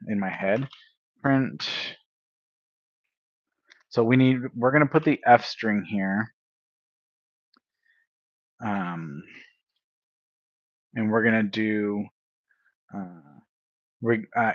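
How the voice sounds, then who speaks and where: A man livestreaming a casual coding study session, thinking aloud, correcting himself and filling pauses as he works through examples. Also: medium pitch, dry recording, muffled recording. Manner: unhurried, thinks aloud, self-correcting with fillers.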